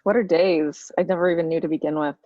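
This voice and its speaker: A woman's voice: fairly low pitch, fairly even intonation, fast, natural voice. A woman playing a dry-witted undead woman from the underworld, speaking in a dry, sardonic way. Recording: dull lo-fi sound with long reverb.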